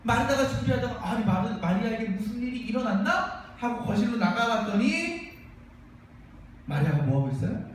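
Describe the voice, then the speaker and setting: A man's voice: high voice, a little mellow, slight background noise. A man preaching a sermon as pastor, asking the congregation questions and acting out the lines of the people he quotes. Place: church sanctuary. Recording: very echoey room, mic far off.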